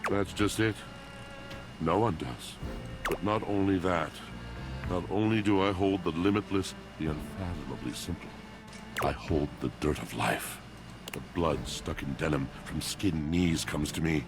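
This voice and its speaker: A melancholy appliance from a dating game, speaking like a storybook villain in a very low voice. The delivery is theatrical and poetic, a grand brooding monologue with prominent music behind it. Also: male voice, measured pace. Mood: anguished, poetic. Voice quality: deep, villainous voice. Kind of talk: dating sim game voice acting.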